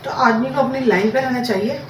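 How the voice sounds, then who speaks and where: A woman talks on in a loose, rambling home-vlog chat, dropping English words into her speech as she cooks. Her voice sits a little high. The mic is far from her in a reverberant room, with clear household noise behind her. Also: a little fast. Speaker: home vlogger. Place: home, cooking in the kitchen. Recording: roomy, distant mic with noisy background.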